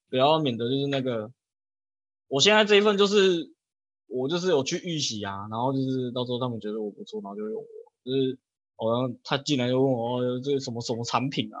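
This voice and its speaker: Rich: A man chatting on a podcast, words tumbling out quickly with stammered restarts and fillers. The sound is a bit dull and lo-fi, and dry with no room echo. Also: mid-range voice. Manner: rambling, filler-heavy, stammers. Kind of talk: casual chat.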